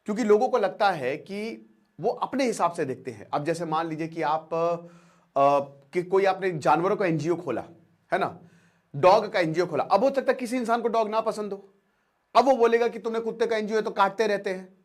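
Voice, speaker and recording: A man's voice: high-pitched, moderate pace. A man giving an earnest, emphatic motivational talk in lecture style, often dropping in English phrases. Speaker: motivational speaker.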